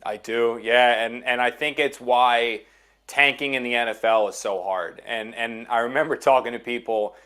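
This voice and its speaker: A man's voice: mid-range voice, fairly even intonation, moderate pace, a bit bright, clear, resonant tone. A man working as an NFL insider in a casual sports chat, emphatic and repeating phrases to drive his points home.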